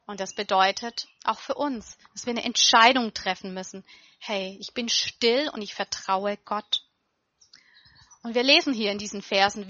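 Bright, forceful woman preaching. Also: mid-range voice, dry recording, muffled recording. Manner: earnest, emphatic, with slow stressed quotes. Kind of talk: sermon.

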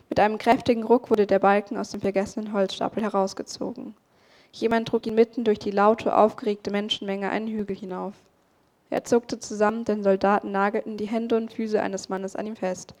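A woman narrating a storybook with a calm, steady voice. She reads expressively, slowing down at key turns of the story. Her pitch sits in an ordinary middle range. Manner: calm, expressive read-aloud. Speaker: story reader.

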